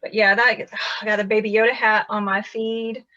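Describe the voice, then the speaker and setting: A woman's voice: medium pitch, little pitch movement, moderate pace, pushed and bright. A woman co-hosting a casual chat about knitting, heard over a video call and chatting in an easygoing way. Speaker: podcast co-host. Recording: dull lo-fi video call audio.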